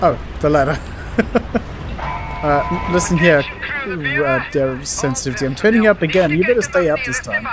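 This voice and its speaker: High-voiced man joking through a game. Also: animated, normal speed, over music. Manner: jokey, talks to game objects and characters. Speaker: let's play gamer. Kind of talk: casual gameplay commentary.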